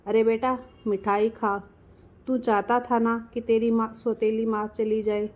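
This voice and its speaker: A woman voicing a calm, quietly wry middle-aged village father who speaks in a mild, ironic tone. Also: on the high side, measured pace, close to an everyday voice.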